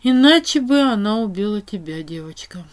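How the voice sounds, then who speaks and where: A woman voicing a brisk, teasing witch whose voice turns strict and cold. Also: mid-range voice, natural voice. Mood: stern.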